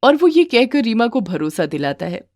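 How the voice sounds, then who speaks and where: A woman narrating a moral story for a cartoon in a steady, plain storytelling manner. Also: on the high side, moderate pace, no echo, clean studio sound.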